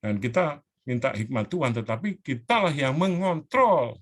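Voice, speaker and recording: A man, a pastor teaching a parenting class over a video call, earnest and animated, acting out children's pleas. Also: mid-range voice, normal speed.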